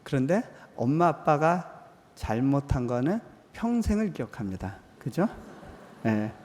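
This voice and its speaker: A man's voice: medium pitch, sing-song, unhurried. A man in his forties preaching a sermon in a church hall, telling personal stories in a conversational way. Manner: conversational, acts out quoted voices, drops soft for tender moments. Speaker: missionary preacher. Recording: long hall reverb.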